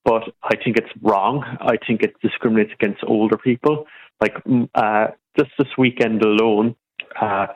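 A man's voice: fairly low pitch, steady tone, normal speed, a little mellow. A man with a Kerry accent from the west of Ireland, calling a radio phone-in to give his opinion, stumbling and repeating words as he goes. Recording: dull lo-fi phone-in line.

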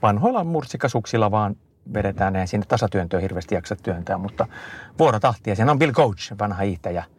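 Low-voiced middle-aged man telling stories. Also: slightly rough. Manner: rambling, lively storytelling with many fillers and restarts. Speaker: interview guest, endurance skier. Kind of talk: casual conversational storytelling.

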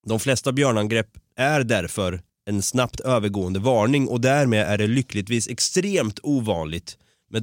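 A man's voice: medium pitch, no room sound, studio quality. A man hosting a casual podcast who talks animatedly, swears a lot and laughs often. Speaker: podcast host.

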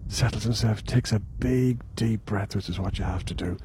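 Hushed male golf commentator in the wind. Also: lowish voice, normal speed. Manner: hushed golf commentator delivery, narrating each movement in short phrases. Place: outdoors on a windy golf course. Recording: windy outdoor recording with clear noise.

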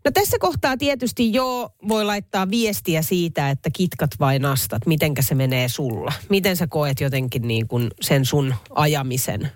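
A woman's voice: low-pitched, hardly any pauses, dry recording. A woman radio host chatting casually and reading listener messages aloud in a studio. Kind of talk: casual radio show chat. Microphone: studio microphone.

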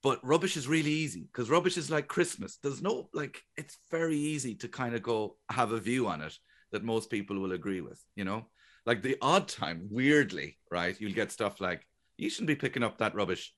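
A man's voice: mid-range voice, normal speed. A middle-aged Irish man, a guest comedian, talking chattily and jokingly in a radio interview. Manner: chatty, animated, jokey storytelling.

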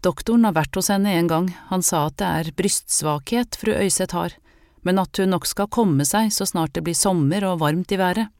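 Sighing matter-of-fact young washerwoman, read by a woman, low mellow tone. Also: no echo, clean studio sound, lightly acted. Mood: weary.

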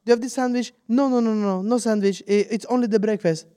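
A man's voice: high voice, smooth. A man, telling a travel story in casual chat and acting out the people he met in broken English. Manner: animated, acts out quotes in broken English. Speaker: podcast host.

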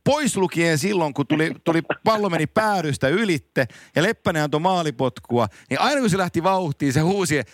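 A man hosts a relaxed talk show, spinning anecdotes and laughing along with them. His voice sits a little high. The sound is close and dry. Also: hardly any pauses, no room sound. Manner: lively storyteller, laughs easily. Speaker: podcast host. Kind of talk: casual chat.

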